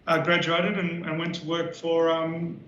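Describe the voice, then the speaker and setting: A guest architect from Western Australia talks casually in an interview, relaxed and full of fillers and repeats. His voice is on the high side and unhurried. The recording sounds roomy, dull and lo-fi, with faint noise.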